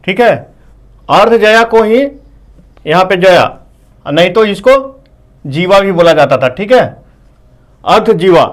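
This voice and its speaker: A man gives a whiteboard math lesson at a slow, unhurried pace. His voice sits high for a man. He poses questions to his students and checks in with "okay" after each point. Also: lively intonation. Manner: explains slowly, asks the class questions; keeps saying "okay" between points. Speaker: math teacher.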